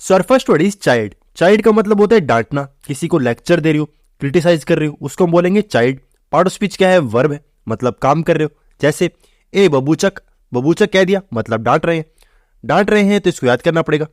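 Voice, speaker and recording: A man runs an online vocabulary class in a friendly, chatty way, checking in again and again with "theek hai". His voice sits a little high for a man. The sound is close and dry, with no room around it. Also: expressive, brisk, dry recording. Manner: chatty, repeats "theek hai" and "bahut easy hai". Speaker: vocabulary teacher. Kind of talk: online exam-prep vocabulary lesson.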